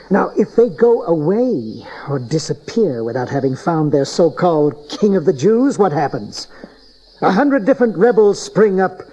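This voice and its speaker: A man's voice: on the high side, mellow. An actor playing an old, scornful, scheming tyrant king in a dramatized audio Bible, with an imperious, sneering manner. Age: older. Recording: dull cassette tape transfer.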